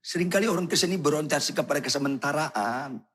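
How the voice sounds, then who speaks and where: Blunt slangy pastor guy, kinda high and husky, shouts then goes low. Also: fast. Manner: blunt, provocative, shouts and drops low for effect. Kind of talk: sermon.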